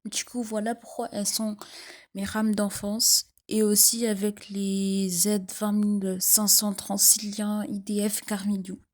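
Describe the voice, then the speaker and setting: A woman's voice: medium pitch, level tone, unhurried. A young woman with a sleepy morning voice, chatting casually and a little hesitantly in an FAQ vlog. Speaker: train enthusiast vlogger.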